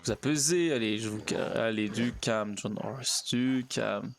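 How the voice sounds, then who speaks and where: A man's voice: on the low side, measured pace, gravelly, a little hiss or hum. A man role-playing a naive pastor in a game, chatting to himself and coaxing his horse. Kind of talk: in-character role-play narration.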